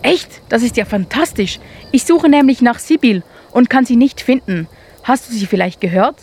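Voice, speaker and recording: Eine Frau spricht einen ängstlichen kleinen Maulwurf. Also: female voice, on the high side, normal speed, a little mellow, pitched above the performer's own voice, lightly acted. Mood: anxious, eager. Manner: desperate, stammering. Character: anxious little male mole.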